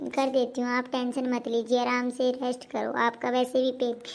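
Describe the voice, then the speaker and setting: A woman playing a meek, hardworking young daughter-in-law who talks softly and reassuringly. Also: on the high side, completely flat delivery, normal speed, creaky. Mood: gentle. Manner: soft, dutiful, reassuring. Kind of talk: homemade family skit.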